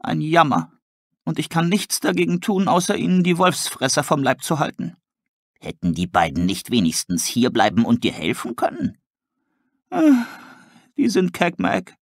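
Man reading a scornful, higher-voiced creature, storybook, dry close sound. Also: big pitch swings, normal speed, gravelly, no room sound, heavily acted.

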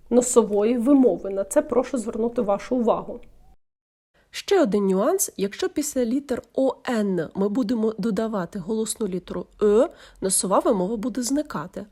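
A woman from Ukraine teaching a pronunciation lesson as a French tutor, saying example words slowly and clearly. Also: fairly high pitch, mellow. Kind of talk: language lesson.

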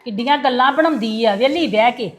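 A high-voiced, quarrelsome old mother-in-law, played by a woman in a family web series. She taunts and scolds, with faint music under her lines. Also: fast, lightly acted. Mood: scolding.

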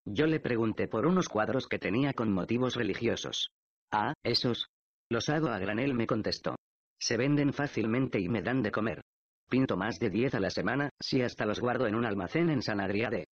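A man's voice: mid-range voice, lively intonation, moderate pace, no echo, close to an everyday voice. A man reading the lines of a thoughtful male detective who reasons aloud, in a dull, dry audiobook recording. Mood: recounting.

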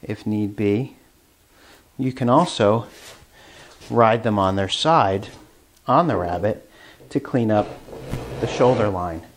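Slow and fairly low-voiced, with long pauses, a man hosting a woodworking show talks plainly while working with hand tools in his shop. It's a hands-on tool demonstration, and slight background noise can be heard.

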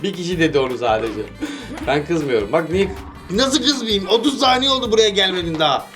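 A man hosting a gaming channel, giving casual gameplay commentary, coaching eagerly with quick cheering commands and laughing often. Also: high voice, lively intonation. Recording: game music playing loudly behind.

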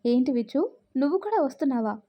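Storybook young woman, excitable and lively, read by a woman, higher, louder. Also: takes it slowly, exaggerated voice. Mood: excited. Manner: excited, sulky in turns.

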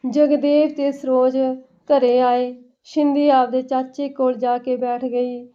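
A woman narrating a family story in a steady, plain telling. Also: sits high, slow, clear, resonant tone. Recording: dull lo-fi recording.

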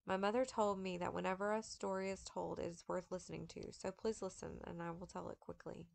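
A woman's voice: on the low side, flat delivery, brisk, vocal fry. A woman reading the lines of a playful, insistent boy storyteller in an audiobook, in a coaxing tone.

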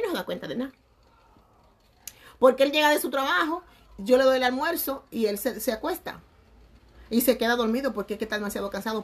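Woman vlogging, chatty and laughing, kinda high voice, goes loud then quiet. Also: slightly rough. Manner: lively, laughing, swings loud and soft, crude slang. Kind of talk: casual chat to viewers.

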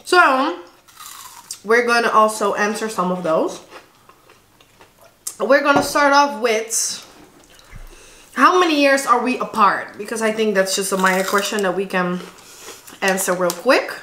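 A woman's voice: on the high side, measured pace, pauses often, bright, forceful tone, a little hiss or hum. A woman in her twenties, a native Dutch speaker, chatting casually with her sister while eating, giggly. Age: 20s. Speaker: vlogger. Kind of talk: casual mukbang chat. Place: home room with family. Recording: echoey room.

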